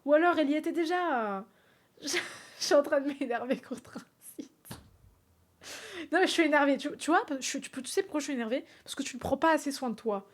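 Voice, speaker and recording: High-voiced, animated young woman streamer. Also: fairly quick. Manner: animated, laughs often, talks straight to chat. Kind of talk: casual live-stream chat with viewers.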